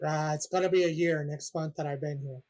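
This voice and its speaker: A man from Puerto Rico, a support group facilitator, answering interview questions in an earnest, measured way. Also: on the high side, fairly even intonation, a little mellow.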